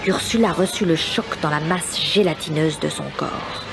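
A woman's voice: deep voice, normal speed, creaky. A woman narrating a children's story in a scripted, dramatic style. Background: music.

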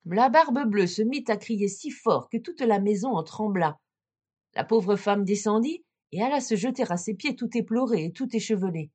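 A woman storyteller reading a classic fairy tale in a measured, expressive way. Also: mid-range voice, slightly rough.

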